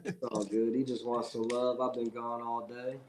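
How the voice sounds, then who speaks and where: Man in his forties, rapper guest, casual rambling storytelling, filler-heavy talk, middle-pitched voice. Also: level tone, moderate pace, a little mellow, a little hiss or hum, low-quality recording. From Seattle. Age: 40s. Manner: rambling, frequent "you know what I'm saying".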